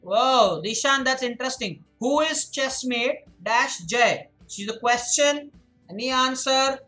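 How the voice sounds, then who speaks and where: A man's voice: extremely high pitch, lively intonation, measured pace, bright, forceful tone, faint music behind, low-quality recording. A male chess coach giving a live-stream lesson, explaining moves, correcting students by name, repeating his points and answering the chat. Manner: repeats points to drill them in; reads the chat aloud and answers it.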